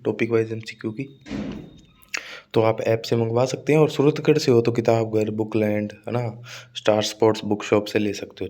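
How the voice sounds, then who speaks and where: A man teaching an exam-prep English pronunciation lesson, speaking slowly and drawing words out to show stress, with frequent check-ins to his students. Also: mid-range voice, dark tone. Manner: adds frequent tag checks like "ठीक है" and "है ना".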